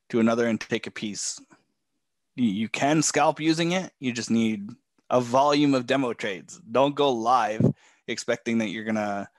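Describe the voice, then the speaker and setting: Coaching a live trading session from his home office, a man talks relaxedly with many fillers in a mid-range voice. He's losing his voice, sounding a bit hoarse and clearing his throat often, and there's no room sound.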